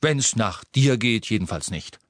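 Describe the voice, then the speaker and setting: A man reading the part of a young man who is sulky and bitter, rising to shouts. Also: lowish voice, lively intonation, measured pace, no echo.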